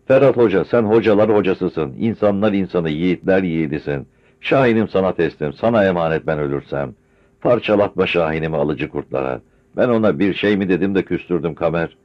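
A man voicing a grieving, frail old village man who pleads tearfully in a high, strained voice. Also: a little fast. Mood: pleading. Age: older. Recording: dull lo-fi recording.

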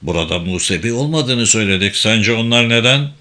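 A man reading the part of a worried grown man delivering bad news, in a low, troubled voice. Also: animated, a little fast, pushed and bright.

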